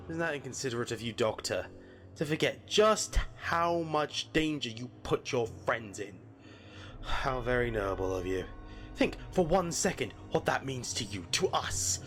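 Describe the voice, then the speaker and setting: A man's voice: mid-range voice, fairly bright tone. A man voicing a sly, menacing devil who taunts his victim in an audio drama. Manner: mocking, sneering, drawn-out taunts.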